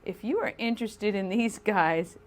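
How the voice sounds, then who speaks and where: A woman's voice: mid-range voice, normal speed, a little hiss or hum. A woman hosting a local morning show, talking in an upbeat, chatty way. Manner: upbeat, chatty, coos at animals. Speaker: host. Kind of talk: morning show host segment.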